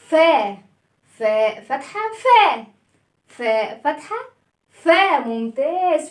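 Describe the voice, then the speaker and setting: High-voiced Egyptian teacher, sing-song. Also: female voice, echoey room, recorded from a distance. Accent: Egyptian Arabic. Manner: sing-song, drawn-out letter sounds, frequent praise. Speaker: children's reading teacher. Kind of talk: storytelling phonics lesson for children.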